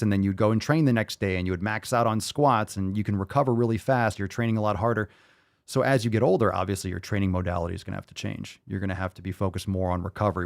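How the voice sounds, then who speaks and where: Deep-voiced man hosting a fitness Q&A. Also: darkish tone, dry recording, clean studio sound. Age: 30s. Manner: conversational, thinks aloud with fillers and restarts. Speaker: fitness podcast host answering questions. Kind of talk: livestream Q&A.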